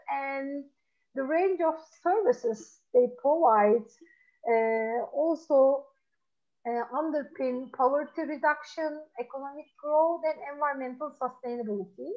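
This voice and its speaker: A woman's voice: high voice, lo-fi sound. A woman moderating a university panel discussion, speaking with many hesitations and fillers.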